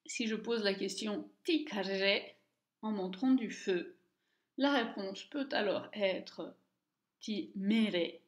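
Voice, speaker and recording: A woman teaching Tibetan reading, speaking slowly and carefully and repeating each word twice for the listener. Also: mid-range voice. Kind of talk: slow, deliberate language lesson. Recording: echoey room, dull lo-fi sound.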